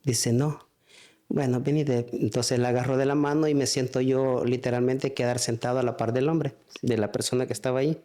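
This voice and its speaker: A man giving a spoken church testimony, halting, with frequent restarts and fillers. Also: mid-range voice, fairly even intonation, mellow.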